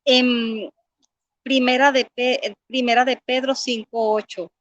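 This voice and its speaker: A woman's voice: a little high, fairly even intonation, a little slow, highs cut off. Earnest woman sharing a faith testimony. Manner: earnest, repeats words and restarts, pleading tone. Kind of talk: personal faith testimony with scripture reading.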